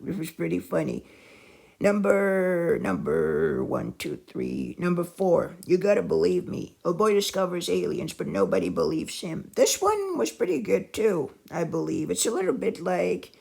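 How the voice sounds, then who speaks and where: A man's voice: sits high, vocal fry, a little mellow. A man casually reviewing books for his online channel, often repeating himself and hesitating as he goes. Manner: hesitant, repetitive phrasing. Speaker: YouTube book reviewer. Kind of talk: casual book review vlog.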